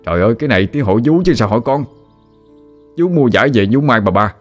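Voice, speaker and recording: A man's voice: sits low, lively intonation, fast talker, faint music behind. A man voicing an exasperated son in his thirties, protesting.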